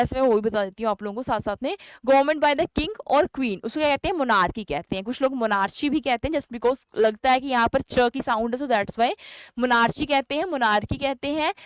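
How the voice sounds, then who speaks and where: A woman's voice: high-pitched, no echo. A young Indian woman teaching an English exam-prep lesson, chatty, often asking questions and answering them herself. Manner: chatty, asks and answers her own questions.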